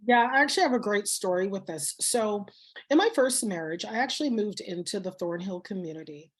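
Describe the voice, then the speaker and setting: Husky passionate woman speaker. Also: medium pitch, a little fast. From Canada. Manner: passionate, storytelling, motivational. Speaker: guest speaker. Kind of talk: interview conversation.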